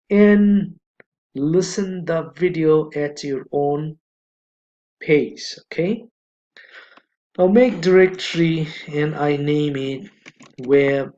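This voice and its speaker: A man teaching a beginner coding lesson over a screen recording, speaking slowly and deliberately and checking in with "okay" again and again. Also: fairly high pitch, darkish tone. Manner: slow, deliberate, repeats okay often. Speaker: coding instructor. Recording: slightly dull lo-fi mic.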